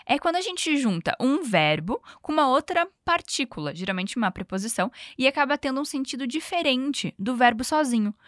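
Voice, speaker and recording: Brief: higher-voiced woman, podcast English teacher, patient drill pacing, dry close sound. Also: very animated, fairly bright tone, no echo. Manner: patient, coaching, slows down for model phrases. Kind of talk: podcast language lesson.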